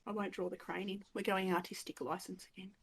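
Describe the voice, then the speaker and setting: A woman's voice: medium pitch, flat delivery, quick pace, breathy edge. A middle-aged woman with a broad Australian accent, chatting casually and self-deprecatingly to herself and others as she paints. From Australia, Melbourne area. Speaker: live stream painting host. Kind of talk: casual chat while painting.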